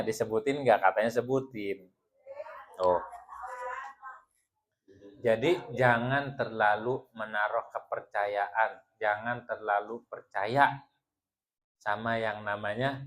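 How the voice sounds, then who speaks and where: Playful man giving a joking religious talk. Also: fairly low pitch. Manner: playful, teasing, laughs often with the audience. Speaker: Islamic teacher leading a women's study group.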